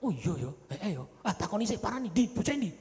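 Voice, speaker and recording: A man's voice: high voice, big pitch swings, quick pace, a little mellow, big-room sound. A man voicing a brusque male bandit chief. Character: gruff male bandit chief who repents.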